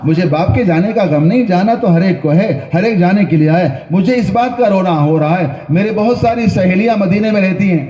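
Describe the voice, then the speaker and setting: A man's voice: high voice, few pauses, mellow, natural voice. A man voicing a tearful, ashamed young girl in a sermon story. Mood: tearful lament. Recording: echoey, distant, dull hall recording.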